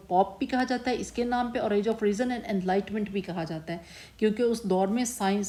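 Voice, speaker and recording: A woman's voice: mid-range voice, dark tone. Woman teacher explaining poetry patiently. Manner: explains slowly, mixing Hindi-Urdu with English terms, addresses students as beta. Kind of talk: classroom lecture.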